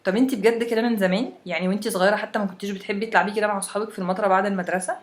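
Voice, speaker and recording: Woman reader doing a teasing young friend, curious, higher and brighter, quick, audio story. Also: steady tone, natural voice. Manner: eager questioning, raised pitch.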